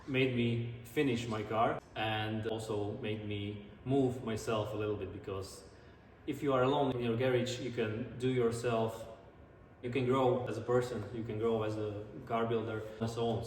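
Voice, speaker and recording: A man with a Slovak accent chats earnestly in a casual vlog style. His English is non-native and a little halting, with a medium-pitched voice. The sound is roomy and distant, with a long reverb tail, like a large garage. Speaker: drifter and car-building vlogger. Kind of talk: casual vlog talk to camera. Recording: echoey garage, distant mic, background noise.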